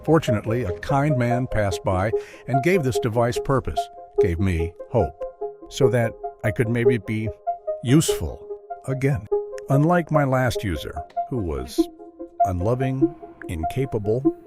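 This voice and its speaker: A man's voice: mid-range voice, expressive, a little slow, lightly acted. A man voicing a broken talking speaker that narrates its story in a brooding, melodramatic way, with music behind. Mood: bitter storytelling. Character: a broken talking speaker device, gloomy and hopeful.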